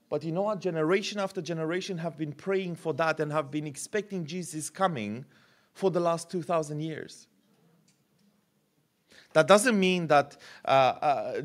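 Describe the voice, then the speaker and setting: In a church hall with a curtained stage, a man in his thirties preaches from a podium microphone. His voice runs on the high side. As the pastor builds each point, he gets animated, gestures, and repeats words frequently.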